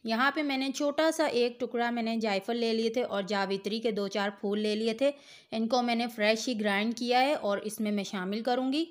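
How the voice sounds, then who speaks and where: As a cooking host, a middle-aged woman talks directly to the listener while demonstrating a home recipe step by step in her home kitchen. Her voice sits a bit high, her tone is steady, patient, and instructive, and she moves at a moderate pace.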